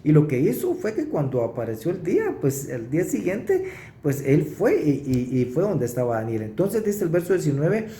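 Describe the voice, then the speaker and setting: A man gives an expository sermon, walking through the verses and stopping to stress key points. His voice sits a little high yet sounds deeply mellow and dark, with a lively, swinging pitch. The room around him rings with noticeable echo. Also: a little hiss or hum. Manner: explanatory, pauses to stress verses. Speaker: preacher. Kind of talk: expository Bible teaching. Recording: roomy echo.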